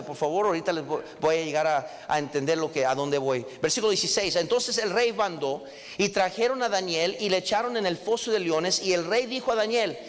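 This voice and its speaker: A man's voice: fairly high pitch, in a large hall. A man preaching a sermon as pastor in a church auditorium, pressing his points with repeated questions and rising emphasis.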